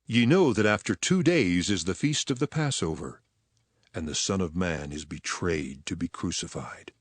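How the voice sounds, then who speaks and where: An actor playing Jesus as a solemn, authoritative teacher in a dramatized scripture reading, with measured, weighty delivery. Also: male voice, sits low, expressive, no room sound. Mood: solemn, reproving. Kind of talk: dramatized scripture, archaic English. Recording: voice over prominent music.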